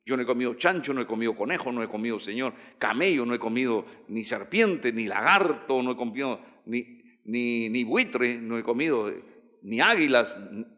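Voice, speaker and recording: Man preaching, voice swings high and low, pitched a bit up, long hall echo. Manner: emphatic, rising to loud calls and dropping low. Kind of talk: sermon.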